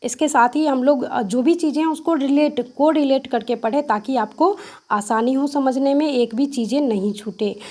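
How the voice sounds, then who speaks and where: A woman's voice: high voice, normal speed, darkish tone. A woman teacher giving an exam-prep grammar lesson, who asks her students questions, answers them herself and repeats each key point. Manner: mixes English words into explanations.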